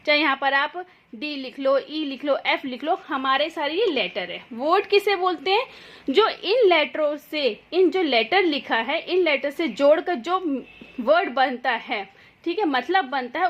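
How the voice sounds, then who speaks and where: A woman with a high voice teaches beginners the sounds of English letters. She talks slowly and patiently and says each sound more than once. She keeps checking that her listeners follow. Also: expressive, fairly bright tone, dull audio. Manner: checks in with "theek hai" often. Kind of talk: slow spoken English phonics lesson.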